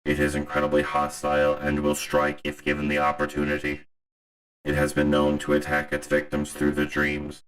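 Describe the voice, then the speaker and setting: A man voicing a grave emergency announcer who breaks in on a hijacked broadcast, speaking in a flat, slow, ominous monotone. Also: extremely low pitch, rough recording. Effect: hijacked broadcast interruption.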